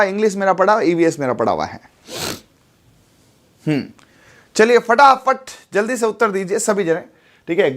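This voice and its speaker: A young man teaches a live exam-prep lesson. His voice sits high for a man. He talks in a chatty, repetitive way and keeps asking the class if they follow. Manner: chatty, repeats tag questions like "theek hai".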